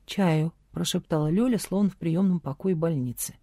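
A woman narrating an audiobook in an even, measured storytelling manner. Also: lowish voice, dry recording, studio quality. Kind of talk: scripted narration.

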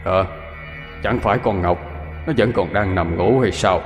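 A man's voice: deep voice, unhurried, in a large hall, music in the background. A man playing a stern old earth god. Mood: grave. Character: old male household earth god, stern but kind.

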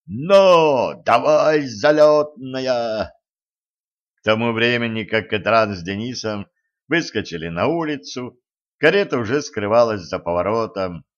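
A man narrating an adventure audiobook in a lively storytelling manner. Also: fairly low pitch, highs cut off. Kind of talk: scripted narration.

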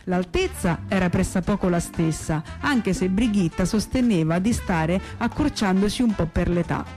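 A woman reading a fable aloud on a radio show in a studio, in a calm, steady storytelling manner. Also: on the low side, moderate pace. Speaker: radio reader. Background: faint music.

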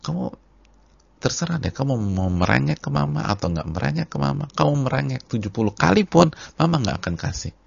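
A man's voice: medium pitch, sing-song, brisk, vocal fry, dry recording, lo-fi sound, voice pushed up, exaggerated voice. A male preacher voicing a stern mother who refuses her whining child, speaking firmly and insistently.

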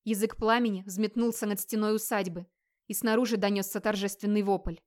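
A woman narrating a dramatic audiobook in a steady storytelling voice. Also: medium pitch, a little fast.

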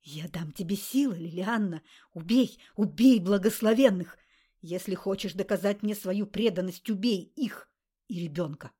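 A woman's voice: mid-range voice, normal speed, mellow, husky, lightly acted. A woman doing a hissing, demanding male master. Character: menacing male master speaking from a ring.

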